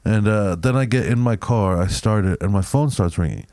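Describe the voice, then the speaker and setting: A man's voice: lowish voice, moderate pace, dry recording, clean studio sound. A man co-hosting a podcast who tells stories casually, swearing now and then and acting out both sides of the conversation. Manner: animated storyteller, acts out both sides of a story; swears casually, says bro. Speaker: podcast co-host.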